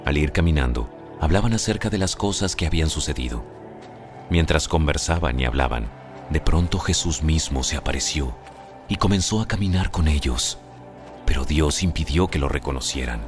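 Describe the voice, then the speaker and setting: A man with an extremely low voice delivers booming biblical narration. He reads in a solemn, scripted way, like the narrator of a dramatized scripture audiobook, over clear background music. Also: animated, normal speed. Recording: music under the voice.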